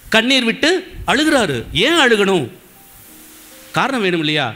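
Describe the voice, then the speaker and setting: Man, Tamil Nadu accent, church sermon, high voice, sharp bright tone, emphatic and repetitive. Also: very animated, a little slow, faint music behind. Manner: emphatic, repetitive, asks the congregation rhetorical questions. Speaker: preacher. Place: church service.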